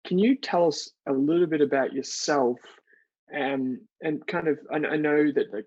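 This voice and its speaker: A man's voice: a little high, normal speed, a little mellow, muffled recording. An Australian man hosting a podcast, asking casual, hesitant questions with fillers. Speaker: podcast host. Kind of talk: interview conversation.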